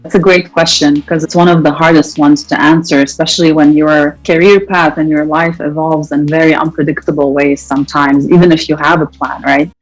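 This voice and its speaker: A woman from Lebanon, in her thirties, answering interview questions in long, measured, articulate sentences. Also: low-pitched, steady tone, faint music behind, low-quality recording. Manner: articulate, measured, speaks in long listed phrases. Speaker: interview guest, entrepreneur.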